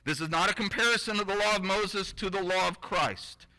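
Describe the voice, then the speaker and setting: A man's voice: high-pitched, a little fast, bright, forceful tone, low-quality recording. A man preaching a sermon. He reads scripture aloud, then explains it in a conversational way, with wry asides to the congregation.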